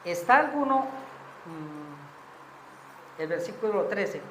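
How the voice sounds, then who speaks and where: A woman's voice: fairly low pitch, sing-song, takes it slowly, a bit bright. A woman leading a church Bible study, talking in a conversational way and often checking in with her listeners. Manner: conversational, asks the group "¿cierto?" often. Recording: echoey room with faint noise.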